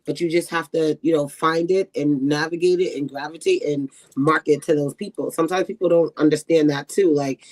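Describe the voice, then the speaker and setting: A man hosting a podcast, talking in a relaxed, casual way. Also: fairly high pitch, brisk, few pauses. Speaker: podcast host.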